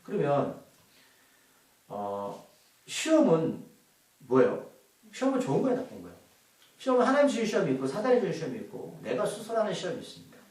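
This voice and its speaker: A man's voice: fairly high pitch, wildly swooping pitch, brisk, pauses often, darkish tone. A man preaching a sermon as pastor, asking the congregation questions as he goes. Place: church hall. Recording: echoey hall, voice from far off.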